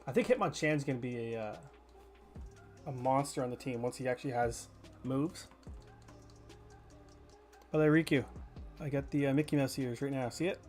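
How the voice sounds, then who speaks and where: A man's voice: mid-range voice, normal speed, long pauses, darkish tone, faint music behind. A man chatting casually with his chat while streaming a game, joking and swearing freely. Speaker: gaming streamer. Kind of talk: casual live gameplay chatter.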